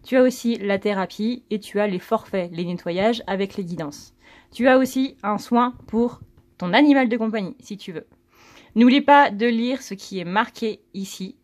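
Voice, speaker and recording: A woman's voice: medium pitch, moderate pace, darkish tone. A woman giving a casual, rambling tarot reading, full of fillers and self-corrections. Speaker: tarot card reader.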